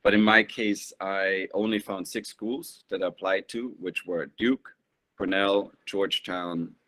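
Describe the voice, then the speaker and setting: A young man in his twenties answers a host's questions on a webinar. His voice is deep and low-pitched. He hedges and pauses with frequent "um"s as he explains his choices. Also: steady tone, pushed and bright. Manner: hesitant, many "um"s. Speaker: guest, business school applicant. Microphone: video call.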